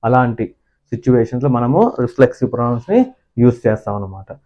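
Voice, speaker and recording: A man with a Telugu accent gives a grammar lesson at a mid-range pitch, stretching out each English definition before speeding through his explanations. He keeps asking the listener questions like a classroom teacher. The recording sounds a little muffled and lo-fi. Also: fast.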